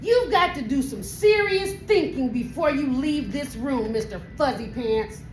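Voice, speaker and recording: A woman's voice: sits high, animated, normal speed, slight background noise, pitched above the performer's own voice. A woman voicing a stern storybook mother cat, lecturing emphatically. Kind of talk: animated storybook reading. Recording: roomy echo, music behind.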